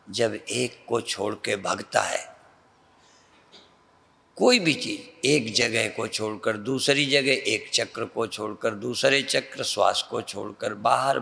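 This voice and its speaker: Slow gravelly Indian spiritual teacher. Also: male voice, fairly low pitch, pushed and bright, in a large hall. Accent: Hindi, North Indian. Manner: slow, repetitive, guiding the listener's mind. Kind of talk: slow meditative discourse.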